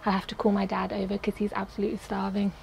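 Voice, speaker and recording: A young woman explains her cooking as she goes, relaxed and chatty. Her voice has a light vocal fry. She is recorded by a nearby camera in a small garden shed kitchen, with faint outdoor noise behind her. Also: medium pitch, fast talker, poor audio. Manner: chatty, explains each step while cooking. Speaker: cooking vlogger. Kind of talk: casual cooking demonstration.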